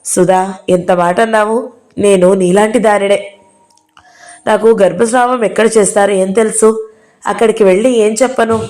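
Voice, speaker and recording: A woman voicing a calm, firm young woman who speaks steadily and pleads in an audio novel. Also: mid-range voice, moderate pace, pauses often, close to an everyday voice. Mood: hurt, pleading.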